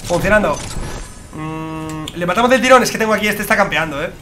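A young man with a Spain Spanish accent, commentating his gameplay to viewers in a chatty, slangy, excitable way. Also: high-pitched, fairly quick, background noise. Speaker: gaming streamer. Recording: loud game music behind.

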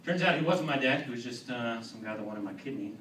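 A young man performing a stand-up set in a comedy club, with a deadpan, halting delivery full of fillers and restarts. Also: medium pitch, very noisy. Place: comedy club with live audience. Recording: roomy, distant club mic with crowd.

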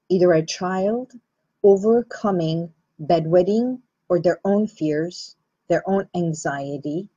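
A healing practitioner and host with an Armenian accent gives a reflective talk to camera, speaking slowly and earnestly and taking her time over each thought. Her voice is low, mellow and a little husky, and the recording sounds muffled and lo-fi.

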